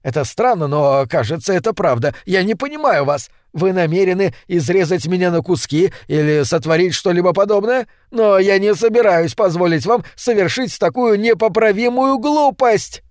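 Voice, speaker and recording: A man's voice: animated, normal speed, few pauses, a little mellow, no echo, studio quality. A man reading aloud, voicing a frantic man who pleads for his life in a raised, strained voice. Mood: pleading. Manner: high, strained, urgent pleading.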